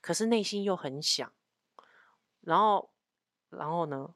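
A woman's voice: fairly low pitch, animated, a little slow, a bit bright, no echo, studio quality. A woman co-hosting a frank relationship chat, blunt and teasing. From Taiwan. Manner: blunt, teasing, asks for agreement often. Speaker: co-host.

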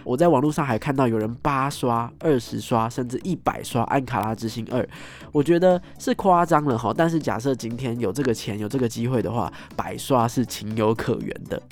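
A man telling a story as host, animated, acting out scenes and ending phrases with soft tag particles. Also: medium pitch, fairly quick. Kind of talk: casual storytelling monologue.

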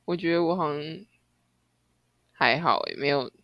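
A young woman from Taiwan, co-hosting a casual chat podcast, with calm, dry teasing remarks. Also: low-pitched, moderate pace, no room sound, dull audio. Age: young adult. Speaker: podcast co-host.

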